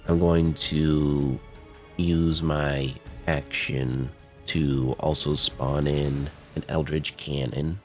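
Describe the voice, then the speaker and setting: A man playing in a tabletop game over a voice call, his voice coming through a robotic, metallic auto-tune filter, hesitant and full of pauses. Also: very deep voice, little pitch movement, faint music behind. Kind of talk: casual play over a voice call. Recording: voice call audio with a glitching auto-tune effect.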